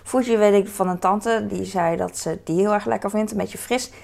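A woman's voice: mid-range voice, steady tone, moderate pace, creaky, a little mellow. A woman in her thirties, a mother, chatting casually and hesitantly while showing her grocery haul. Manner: chatty, rambling, many hesitations. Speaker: vlogger.

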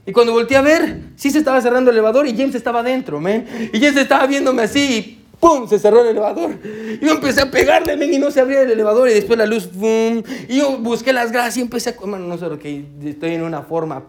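A man's voice: very high voice, quick pace. A male pastor preaching in church, telling a personal story with lots of "amén" and "hermano", and slipping English words into his speech. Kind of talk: sermon with personal anecdote.

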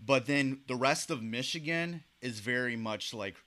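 A man hosting a casual interview, asking loose, rambling questions. He fills his speech with "you know" and "like" as he goes. His voice sits at an ordinary middle pitch. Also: measured pace, bright, forceful tone. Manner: leans on "you know" and "like" fillers. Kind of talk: casual conversation.

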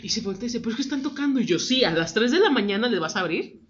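A young woman with a Mexican accent telling a scary anecdote in casual chat, acting out the voices in her story. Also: racing. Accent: Mexican Spanish. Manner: animated storyteller, acts out quotes with big pitch jumps. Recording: dull lo-fi audio.

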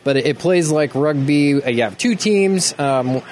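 A man chatting casually as a guest, explaining things in a halting, self-correcting way. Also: on the high side, expressive, darkish tone. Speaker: guest, tattoo artist and sports club organiser. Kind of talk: casual chat. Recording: noisy room with clear background ambience.

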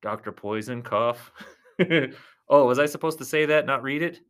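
Someone playing a clown thumb-wrestling announcer, giggly, rambling, jokey, mid-pitched. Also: normal speed, fairly bright tone, a little hiss or hum, lightly acted. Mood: chatty. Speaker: commentator. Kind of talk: comic sports commentary.

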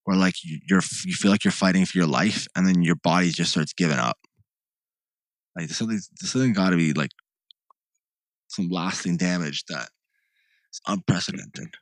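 Young man, podcast co-host, very low voice, dry close sound, rambling animated storytelling. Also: normal speed, pauses often, no echo. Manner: rambling, animated anecdote with many restarts and "like". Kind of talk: casual chat, storytelling.

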